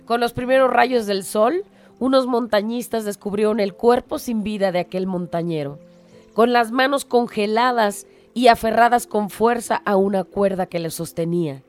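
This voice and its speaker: A woman's voice: mid-range voice, a little slow, faint music behind. A woman hosting a show and telling a moral reflection story in an earnest, dramatic way. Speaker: radio host.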